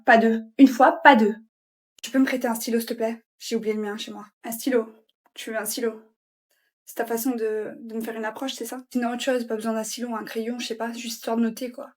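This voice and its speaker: A woman performing comedy sketches, trading brash slangy retorts as every character. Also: a little high.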